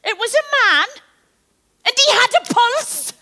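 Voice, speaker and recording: A woman acting a gullible, excitable working-class club wife in broad stage comedy. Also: very high-pitched, measured pace, heavily acted. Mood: chatty, flustered. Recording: live theatre stage performance.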